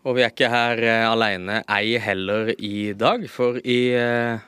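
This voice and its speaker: A man's voice: medium pitch, steady tone, a bit bright, clean tone, no room sound. A man hosting a football podcast, introducing and interviewing in a casual, playfully mock-solemn way. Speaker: podcast host.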